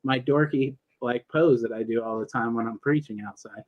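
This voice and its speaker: A man's voice: medium pitch, moderate pace, darkish tone, dull audio. A man who preaches in the open air, talking as a guest in a casual interview over a video call. He rambles, jokes and makes fun of himself. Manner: joking, self-deprecating, rambling.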